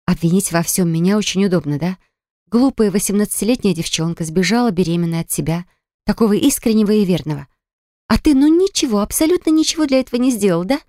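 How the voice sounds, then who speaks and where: A woman voicing a sharp-tongued, sarcastic young woman who answers back with defiance in an audiobook. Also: fairly low pitch, quick pace, dry recording, clean studio sound, close to an everyday voice. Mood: mocking. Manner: mocking, defiant.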